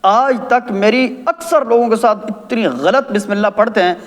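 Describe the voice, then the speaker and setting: Man, Pakistani Urdu accent, recitation teacher, fairly high voice, drawn-out demonstrations, long echoing reverb. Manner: drawn-out demonstrations, frequent "theek hai?" checks. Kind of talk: tajweed lesson with chanted recitation.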